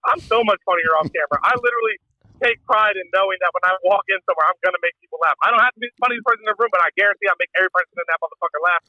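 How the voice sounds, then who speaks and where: Brief: man, podcast guest, rapid rambling crude humor, bright tense tone, dry close sound. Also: high voice, no echo, dull audio. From Pennsylvania. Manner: rambling, profane, joking storyteller. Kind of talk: casual chat.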